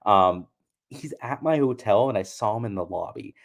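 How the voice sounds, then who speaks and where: A man's voice: on the low side, lively intonation, normal speed. A young man hosting a golf betting channel, telling stories in a chatty, casual way and laughing at himself. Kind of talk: casual talk.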